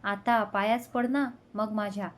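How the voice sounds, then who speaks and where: A woman reading the part of an easygoing young man, a loyal best friend, speaking in a calm, reassuring way. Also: mid-range voice, unhurried, lightly acted.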